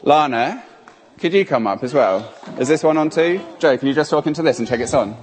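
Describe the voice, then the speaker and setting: Speaking briskly in a mid-range voice, this man delivers a playful, animated sermon through a handheld mic in a church hall, calling on people by name to come up. Reverb from the hall is audible.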